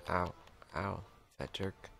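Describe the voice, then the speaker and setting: A man's voice: deep voice, slow, vocal fry, pushed and bright, slight background noise. A man casually commenting while playing a retro video game, muttering reactions and swearing now and then. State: has the hiccups. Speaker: let's play gamer.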